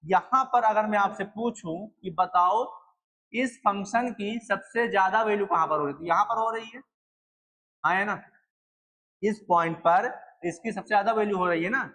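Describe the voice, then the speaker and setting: A man's voice: high voice, a bit bright, low-quality recording. A young man lecturing on math at a board, repeating points and asking his students questions. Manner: repetitive, asks students questions. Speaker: math teacher.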